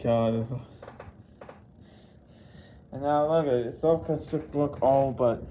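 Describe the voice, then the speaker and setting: A man talking in a casual vlog, rambling and halting with many fillers and restarts. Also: medium pitch, poor audio. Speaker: vlogger. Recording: loud background noise.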